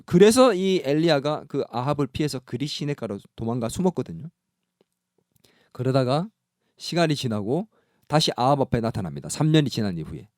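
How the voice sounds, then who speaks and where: Animated man preaching a sermon. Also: a little high, dry recording, clean studio sound. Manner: animated storytelling, dramatic swings. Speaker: pastor. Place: church.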